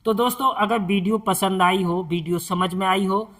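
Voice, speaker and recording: A man teaching a slow, step-by-step lesson as a Hindi tutor. He speaks patiently, repeats each sound and quizzes the viewer on it. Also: high voice, fairly even intonation, fairly bright tone.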